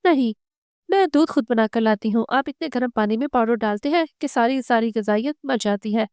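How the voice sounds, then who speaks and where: A woman narrator plays a caring young wife in a storybook reading, fussing and gently scolding over her baby's care. The voice is clear, smooth and pitched a little high, recorded dry and close. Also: moderate pace, no echo, natural voice. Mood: fussy.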